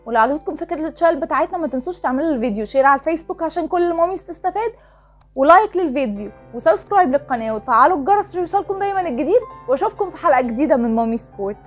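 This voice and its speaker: An Egyptian woman with a high voice talks quickly as she teaches parents how children learn to read. She explains each step with care and drags out single letter sounds to show how they blend. Soft music plays behind her. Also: lively intonation. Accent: Egyptian Arabic. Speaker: channel host teaching phonics to parents. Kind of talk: instructional talk to parents.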